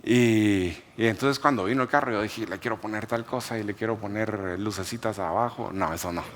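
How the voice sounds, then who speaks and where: A man preaches as a pastor, his voice sitting a little low. He tells his testimony in an animated, storytelling way, slipping into quoted dialogue. A faint ambient noise sits under the recording. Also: a little fast. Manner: storytelling, animated, laughs while telling. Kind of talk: sermon testimony.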